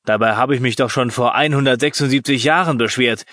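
A man's voice: medium pitch, brisk, fairly bright tone, dry recording, clean studio sound, natural voice. A man voicing a fat, mustached old genie in a storybook, complaining and coughing. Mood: peevish.

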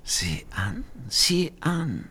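A mocking storybook witch, acted out by a male narrator, speaks in a soft, breathy half-whisper. She is slow and sardonic, with amused menace under the words. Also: fairly high pitch, very animated, pitched above the performer's own voice, full character voice. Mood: mocking amusement. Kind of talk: storybook character voice.

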